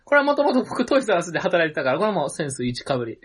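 A man's voice: a little high, sing-song, racing, husky. A man in his twenties co-hosting a podcast, arguing his point in insistent, playfully stubborn banter. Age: 20s. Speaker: podcast co-host. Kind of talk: casual comedic banter.

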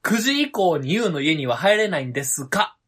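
Comedy co-host, male: quick, animated, slightly raspy, ribbing his partner. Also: high voice. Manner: teasing, incredulous retorts. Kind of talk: casual podcast banter.

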